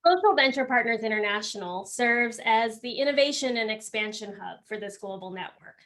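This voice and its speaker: A woman's voice: a little high, expressive, a little fast, a bit bright. A woman moderating an online panel, reading an upbeat scripted introduction. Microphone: video call.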